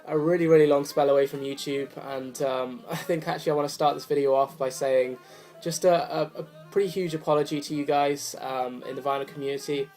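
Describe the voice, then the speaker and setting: A young man who collects vinyl and vlogs about it chats to the camera about his records, hoarse from a cold. His slightly high voice is steady and brisk with hardly any pauses, rambling and apologetic with many fillers, while a jazz record plays faintly behind him.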